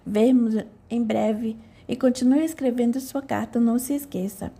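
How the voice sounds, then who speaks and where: Death as a dapper, sarcastic gentleman in an audiobook, put on by a woman reader. The voice sits fairly high yet sounds mellow, and each line is laced with teasing. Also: normal speed, slightly rough. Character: Death as an elegant, mocking gentleman. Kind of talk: audiobook character reading.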